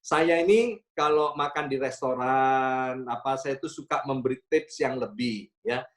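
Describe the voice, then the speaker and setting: A middle-aged man, a senior pastor, preaching in a relaxed, conversational way, telling personal stories and acting out voices, often addressing his listeners directly and slipping English phrases into his talk. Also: unhurried. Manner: storytelling, acts out dialogue with sudden high bursts. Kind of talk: conversational sermon.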